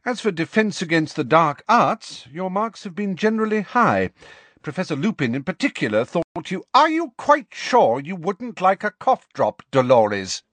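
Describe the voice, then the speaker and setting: A man voicing a stern older woman professor in an audiobook, with a crisp, clipped, haughty and dryly curt manner. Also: high-pitched, animated, moderate pace, fairly bright tone, dry recording, voice pushed up. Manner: clipped, curt, through gritted teeth when provoked.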